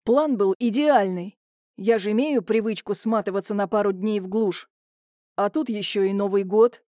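In an audiobook, a gruff older brother snaps out short, blunt lines, his voice dark and mellow, as a woman acts him. The sound is dry and close, with no room around it. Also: mid-range voice, normal speed, no echo, lightly acted. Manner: curt, growling. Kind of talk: audiobook character voicing.

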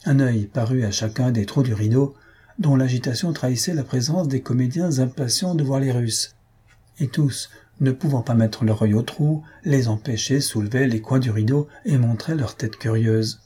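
A man reading a comic story aloud, voicing the crowd's shouts with raised pitch. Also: normal speed, breathy edge. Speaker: audiobook reader. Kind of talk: storybook narration.

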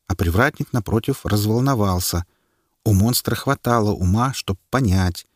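A man's voice: lowish voice, no room sound, clean studio sound. A man narrating an audiobook expressively and voicing all of its figures. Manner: expressive reading, playing every figure.

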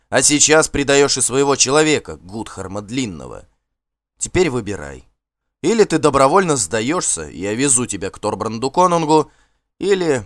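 A man's voice: mid-range voice, a bit bright, no room sound, clean studio sound, voice pushed up. A man doing a cold, scornful Norse warlord. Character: stern, contemptuous male Norse warlord. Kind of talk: audiobook character voice.

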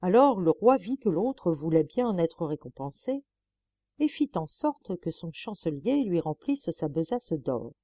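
A woman reading a fairy tale aloud in an expressive, animated storybook narration. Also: on the low side, measured pace, no echo. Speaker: audiobook reader.

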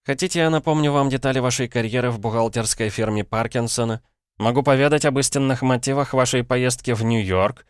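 A male reader voices a desperate elderly man trapped in a schoolboy's body. He talks high, strained and insistent, as if nobody will believe him. The audiobook recording is smooth and dry. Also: brisk, no echo, close to an everyday voice. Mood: accusing. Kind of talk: audiobook character reading.

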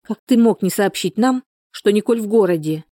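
A woman puts on an excitable pregnant young woman going into labor, her voice pushed up high and shrill. The cries come in panicky bursts. It is a storybook reading, recorded close and dry. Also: normal speed, dry recording, lightly acted. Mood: snapping.

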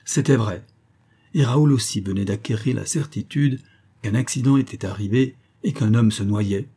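Guy reading an old novel, low dark husky voice, steady pace. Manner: steady, measured storytelling. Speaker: audiobook narrator. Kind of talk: scripted narration of a novel.

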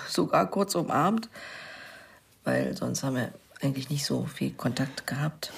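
In a naturalistic radio crime drama, an actress plays a middle-aged sister giving a plain, colloquial account. She sounds hesitant and matter-of-fact, her low female voice creaky.

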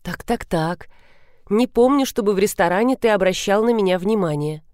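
A woman reader voicing a mocking, playful young woman with a sharp tongue, recorded dry and close. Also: mid-range voice, expressive, normal speed, no echo, lightly acted. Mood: teasing.

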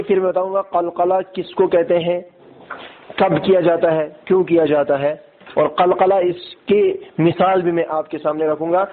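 A man teaching a classroom lesson who keeps asking his students questions and repeating his points, slowly sounding out single letters. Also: high voice, a little hiss or hum. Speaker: Quran recitation teacher. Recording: tinny phone-like lo-fi recording.

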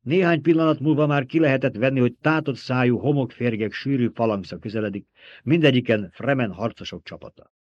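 A man narrating an audiobook in a measured, steady reading style. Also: medium pitch, no echo, lo-fi sound. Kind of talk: scripted narration.

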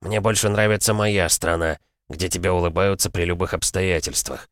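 A man voicing an impatient, irritable American man in an audiobook, gruff and grumbling. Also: low-pitched, fairly even intonation, normal speed, a bit bright, dry recording, studio quality. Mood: irritated.

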